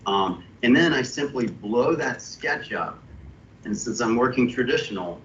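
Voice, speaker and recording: A man's voice: mid-range voice, expressive, a bit bright. Man on a video call, muffled. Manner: thoughtful, halting restarts. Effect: heard over a video call. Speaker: illustrator. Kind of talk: walking through his artwork. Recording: muffled video call audio with faint hiss.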